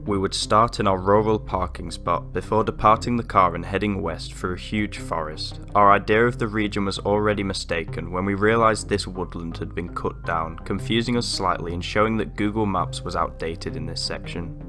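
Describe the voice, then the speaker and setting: A man with a very low voice narrates in a measured, formal, scripted way. A little music plays softly beneath his words. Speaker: channel narrator. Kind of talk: scripted documentary voice-over.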